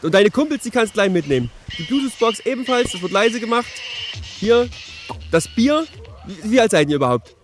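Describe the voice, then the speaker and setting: A man's voice: high voice, very animated, normal speed, music in the background, voice pushed up. A man playing a stern, fussy pool attendant who scolds and stammers in a comedy sketch. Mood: scolding. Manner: scolding, stammers and repeats himself. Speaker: podcast host.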